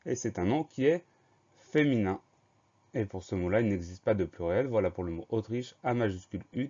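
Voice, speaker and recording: Man, low mellow voice, patient teacher spelling words out, dull lo-fi sound. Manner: slow, methodical, spells words letter by letter. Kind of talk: dictation lesson.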